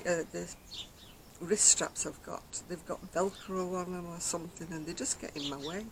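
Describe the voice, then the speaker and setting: An older craft vlogger chats casually to her viewers in a lowish, very soft voice left quiet by throat surgery, rambling, poking fun at herself and laughing softly. She sits outdoors on a decking by a brick wall, a camera close in front of her, while loud outdoor noise runs underneath throughout.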